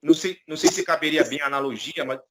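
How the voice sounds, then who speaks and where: A man's voice: fairly high pitch, quick pace, a crowd in the background. A man with a Brazilian Portuguese accent teaching an online electronics class, explaining patiently and checking in often with the students. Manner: explanatory, many "tá?" and "né?" tags.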